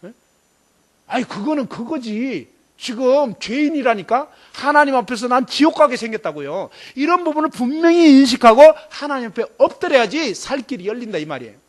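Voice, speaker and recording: A man with a strikingly high voice delivers a sermon to students. He talks emphatically, tossing question after question at his listeners. He brings scenes to life as he acts them out. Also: big pitch swings, fairly quick. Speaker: preacher at a student camp.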